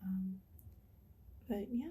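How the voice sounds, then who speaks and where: A young woman, a college sophomore, speaks as a podcast guest. She answers in a friendly way, starting thoughts with an um, at a mid pitch. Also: drawn-out words, warm tone. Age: young adult. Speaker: student guest. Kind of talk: casual interview answers.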